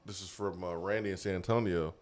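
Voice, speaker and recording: A man hosting a casual sports talk show, animated and quick to laugh. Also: deep voice. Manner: animated, laughing, drawn-out emphasis. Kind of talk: casual sports radio chat. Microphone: studio mic.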